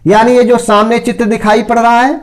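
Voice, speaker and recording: A man's voice: very high-pitched, level tone, fairly quick. A man teaching a school maths lesson, asking his own questions and answering them step by step. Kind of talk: classroom lecture to school pupils.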